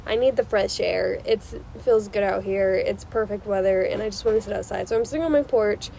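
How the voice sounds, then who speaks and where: A woman's voice: mid-range voice, fairly quick, creaky, warm tone, a little hiss or hum, poor audio. Stuffy-nosed young woman, emphatic vlogger. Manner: emphatic, insistent and reassuring, repeats herself for emphasis. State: stuffy nose from illness. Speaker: channel host. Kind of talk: casual spiritual advice vlog. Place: outdoors on a porch. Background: passing cars.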